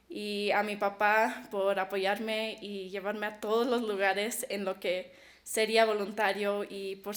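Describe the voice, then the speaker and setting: A woman in her late teens giving an acceptance speech at an awards ceremony. She is chatty and emotional, with lots of fillers, and she switches between English and Spanish. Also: medium pitch. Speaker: award recipient.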